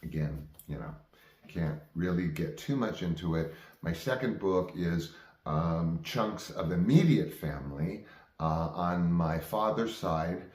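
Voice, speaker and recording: Very low-voiced man, halting and roomy. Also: a little mellow. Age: 50s. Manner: halting, digressive. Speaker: vlog host telling personal stories. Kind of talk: casual reminiscing monologue. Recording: roomy, echoing sound.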